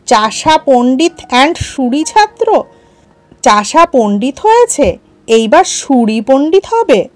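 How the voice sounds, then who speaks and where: A woman reading a story aloud voices a drunk, sneering village gentleman with slurred speech. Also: high voice, very animated, slow pace, full character voice. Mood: mocking laughter. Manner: mocking, taunting.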